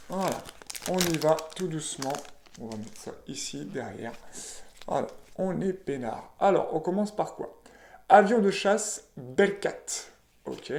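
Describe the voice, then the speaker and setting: A man's voice: fairly high pitch, a little mellow. A man chatting casually as he opens trading card packs, reading card names aloud with lots of "voilà" and "ok". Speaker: card-opening video host. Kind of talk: casual unboxing commentary. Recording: roomy echoey room.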